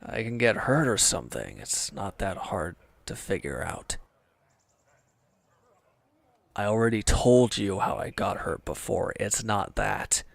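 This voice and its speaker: Voicing a villain's hurt, defeated henchman in an intimate audio roleplay, a man sounds bitter, defensive and despondent, halting and at moments nearly whispering. He uses a full character voice, fairly low and sing-song with vocal fry and no echo, in a defensive, irritable mood.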